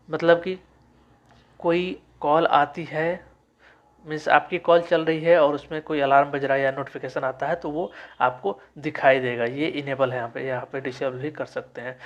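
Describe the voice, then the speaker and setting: A man giving a step-by-step phone settings tutorial, reading menu labels out slowly and correcting himself often. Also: a little high, highs cut off. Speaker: tech tutorial host. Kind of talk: screen-recorded phone settings walkthrough.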